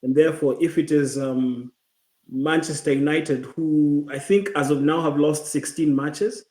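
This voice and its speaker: A man co-hosting a casual football chat, talking in a hesitant, considered way with many pauses and restarts. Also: fairly high pitch, fairly even intonation, a little mellow, echoey room.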